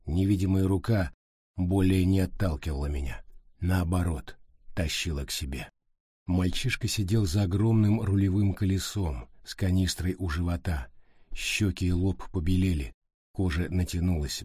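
A man narrating a horror story in an even, unhurried way. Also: sits low, slightly rough, no room sound, studio quality. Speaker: audiobook narrator.

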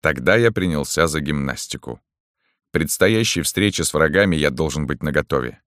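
Male narrator, first-person novel, very low voice, dry close sound. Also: animated, normal speed, fairly bright tone, no echo. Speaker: audiobook narrator.

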